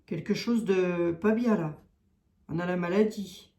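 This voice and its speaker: A woman with a Lorraine French accent reading tarot cards aloud, thinking out loud, questioning the cards and hesitating often. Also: lowish voice, measured pace. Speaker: tarot card reader. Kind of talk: casual tarot reading monologue. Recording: roomy echo.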